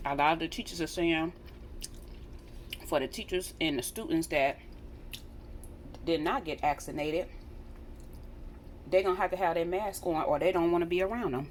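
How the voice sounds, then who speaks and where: With a lowish voice at normal speed, broken up by long pauses, an American woman vlogger speaks casually and earnestly to her viewers, repeating phrases for emphasis. A little hiss or hum is audible.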